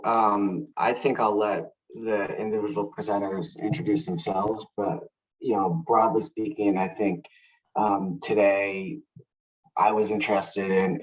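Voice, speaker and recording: A man introducing the speakers at an online meeting, measured and searching for words. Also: on the low side, steady tone, recorded from a distance, poor audio. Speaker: work group member introducing speakers. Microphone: video call.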